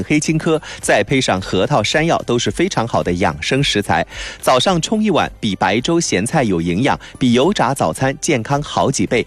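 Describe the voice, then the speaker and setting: A man delivering a direct-response sales advertisement as a shopping pitchman, emphatic, persuasive and urging.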